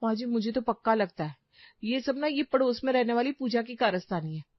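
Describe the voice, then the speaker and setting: Gossipy young daughter-in-law, shrill and accusing, high voice, woman voicing. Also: lively intonation, a little fast, dry recording, lo-fi sound.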